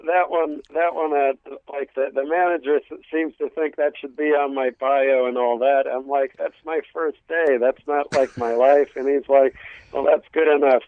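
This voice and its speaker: A middle-aged stand-up comedian from New York and New Jersey, a native Greek speaker with a New York-area accent, tells jokey stories as an interview guest, rambling and restarting with stammers. His medium-pitched man's voice comes through dry, with a dull lo-fi radio sound.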